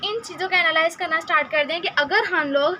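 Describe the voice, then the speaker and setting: High, bright-voiced woman with a Pakistani accent. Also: poor audio. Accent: Pakistani Urdu. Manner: conversational, repeats and drills sounds slowly. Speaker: English tutor. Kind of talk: informal online lesson. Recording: faint background noise.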